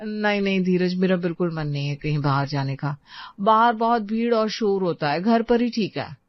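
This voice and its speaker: A woman's voice: on the low side, normal speed, dry recording, natural voice. A woman voicing a sweet but distracted young wife in a cartoon, chatty and pleading. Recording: dry, slightly dull lo-fi sound.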